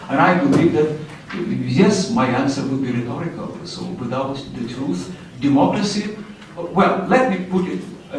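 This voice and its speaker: A man with a Central European accent speaks in a formal, rhetorical way on a discussion panel. His voice sits a little high. The recording is very reverberant and distant from the mic, with faint noise. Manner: emphatic, rhetorical, formal phrasing. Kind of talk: impassioned public panel discussion.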